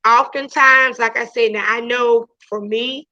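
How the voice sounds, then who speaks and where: Speaking from home during a video class, this woman teacher talks casually to her online students, chatty and full of restarts and "you know"s. Her voice is loud and on the high side, unhurried and fairly even in intonation, with no echo. The video call audio comes through dull and lo-fi.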